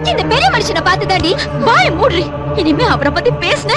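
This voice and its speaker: An emotional young village woman, pleading and outspoken. Her voice is very high and moves widely in pitch. Loud film music runs behind her. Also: very animated, fairly quick. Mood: accusing. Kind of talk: Tamil film drama scene.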